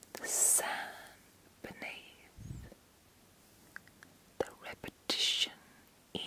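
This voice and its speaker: A woman leading an ASMR guided meditation in a whisper, with repetitive, deliberate phrasing and long pauses. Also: sharp tone, rough recording.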